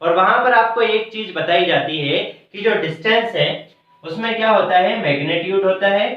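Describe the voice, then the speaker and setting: A man's voice: sits high, normal speed, soft background music. Guy teacher explaining stuff step by step, asks then answers himself, way echoey, far off mic. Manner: explains step by step, asking and answering his own questions. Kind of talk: classroom math lesson. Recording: echoey room from far, dull lo-fi sound.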